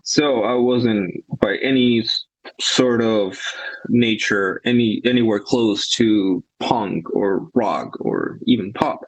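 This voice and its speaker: A man's voice: lowish voice, slow pace, rough recording. A man from Peru, a musician guest telling his story in a thoughtful, rambling way. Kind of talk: casual interview chat.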